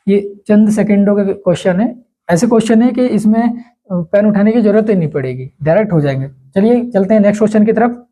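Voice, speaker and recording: A man's voice: high voice, fairly quick, dark tone, low-quality recording. A man teaching a school maths lesson step by step, patiently repeating the key steps.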